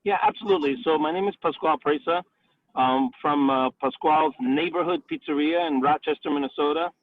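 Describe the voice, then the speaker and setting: This Italian-born man in his forties, raised in the Bronx, New York, runs a restaurant and cooks, and he chats through a career interview over a call. His voice is a little high and a little fast, his answers are loaded with fillers like "um" and "you know," and the dry line sounds tinny, like a phone.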